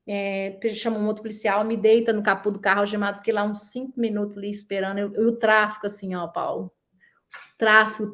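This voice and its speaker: A middle-aged woman from Brazil, a guest in a casual interview, telling a story in an animated way and acting out the dialogue. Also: on the high side. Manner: animated, acts out quoted dialogue.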